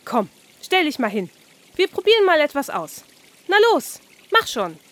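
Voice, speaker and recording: A woman's voice: big pitch swings, normal speed. Woman doing an overexcited bossy carp. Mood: coaxing. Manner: high, gushing, theatrical coaxing. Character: excitable male carp, bossy and over-the-top cheerful.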